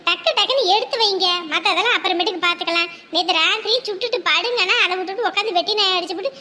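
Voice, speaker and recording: A woman's voice: very high-pitched, quick pace, pushed and bright. An actress playing a fussing, scolding mother of the bride. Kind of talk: village family drama.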